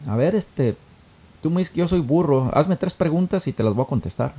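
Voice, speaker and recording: A shrewd rich older tycoon, as a man telling a story puts him on, calm and sure of himself. He lectures, his voice lifting a little higher than the teller's own. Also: fairly quick, husky. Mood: challenging.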